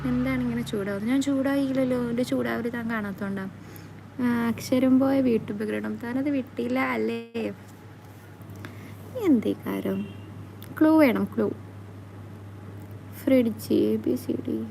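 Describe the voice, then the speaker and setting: A woman with a fairly high, mellow voice chats casually on a live stream, teasing her viewers playfully. A faint hum of room noise sits under her talk. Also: gravelly. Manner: playful, teasing, quick back-and-forth. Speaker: vlogger reading live comments.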